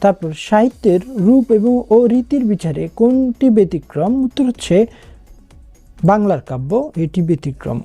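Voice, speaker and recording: A woman with a Bangladeshi Bengali accent tutors an exam prep lesson, reading each question aloud and then giving the answer. Her voice is deep, soft and mellow, at a middle pitch. Faint music plays quietly behind her. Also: lively intonation, a little slow. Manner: reads questions then gives answers, with some restarts.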